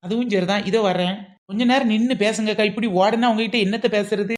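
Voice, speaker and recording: A woman's voice: medium pitch, steady tone, fast talker, a little mellow, close to an everyday voice. A woman playing a sly omelette seller. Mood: gloating. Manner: teasing, mock-innocent. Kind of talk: comic skit acting.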